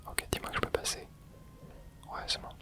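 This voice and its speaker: A streamer whispering quietly, as if at night, giving casual, rambling ASMR commentary while playing a game and thinking aloud. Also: a little fast. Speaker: video creator and streamer.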